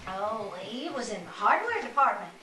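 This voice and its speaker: A woman's voice: a little high, big pitch swings, moderate pace. An actress on a live theater stage playing a brash, gossipy housewife and mother, talking in a brassy, wisecracking, dramatic way. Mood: gossiping. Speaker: stage actor. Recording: roomy theater audio from far off, loud noise.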